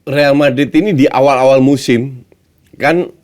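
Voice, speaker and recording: A man's voice: medium pitch, fairly even intonation, unhurried, a little mellow. A man with an Indonesian accent talking casually as a football pundit, dropping English phrases into his speech.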